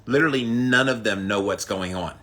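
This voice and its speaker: A man's voice: fairly low pitch, fairly quick, pushed and bright. A man hosting a casual livestream, chatting to viewers with an emphatic, punchy delivery. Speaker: host of a daily ice bath challenge livestream. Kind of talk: casual livestream chat, greeting viewers by name.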